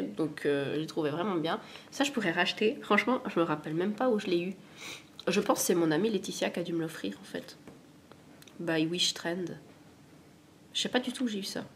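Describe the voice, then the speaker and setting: A woman's voice: fairly low pitch, a little hiss or hum. A woman with a cold chatting casually through a beauty product review, rambling and poking fun at herself. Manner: chatty, rambling, self-deprecating. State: has a cold. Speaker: beauty vlogger.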